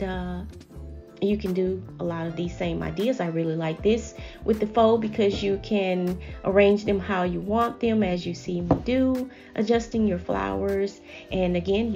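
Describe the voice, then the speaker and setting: A woman hosting a home decorating channel, gently chatting viewers through each step in a voice-over. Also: medium pitch, dull audio. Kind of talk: voice-over narration of a decorating video.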